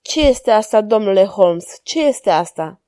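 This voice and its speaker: A woman's voice: mid-range voice, lively intonation, mellow, lightly acted. A woman voicing a frightened man who pleads urgently for help in a storybook reading. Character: frightened, desperate male schoolmaster.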